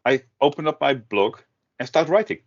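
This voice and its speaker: A man's voice: mid-range voice, animated, normal speed. A middle-aged man from the Netherlands, talking casually in an interview with many fillers and restarts. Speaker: guest, tech blogger. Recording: dull lo-fi audio.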